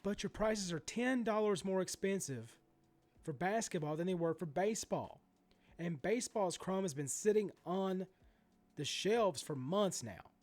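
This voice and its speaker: Hosting his sports card channel from a home room, a middle-aged man delivers an indignant rant despite a sore throat and blocked nose. He speaks a little slowly and expressively, his high-sitting voice carrying a darkish tone.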